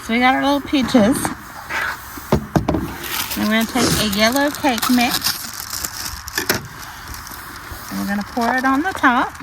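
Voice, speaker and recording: A woman's voice: on the high side, moderate pace, vocal fry. A middle-aged woman with an Arkansas Southern accent, chatting casually and folksily as she demonstrates outdoor cooking. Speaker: outdoor cooking vlog host. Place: outdoors in snowy cold. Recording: noisy outdoor camera audio.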